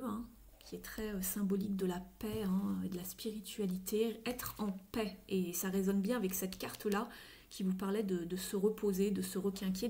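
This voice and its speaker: A woman giving a casual tarot reading, thinking aloud with frequent fillers and slipping into soft whispery asides. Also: mid-range voice, slight background noise. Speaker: tarot reader.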